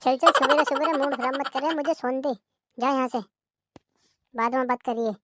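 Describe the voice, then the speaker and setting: A woman's voice: high voice, steady tone, normal speed, background noise, lightly acted. A woman voicing a lazy, rude young husband in a cartoon comedy, mocking and insulting.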